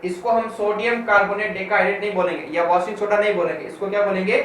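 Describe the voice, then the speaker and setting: In an echoey classroom, a male chemistry teacher lectures in a high, somewhat bright voice with fairly even intonation. He poses questions to the students and answers them himself, repeats key terms slowly, and reads English textbook sentences word by word. He is recorded from a distance, with faint noise.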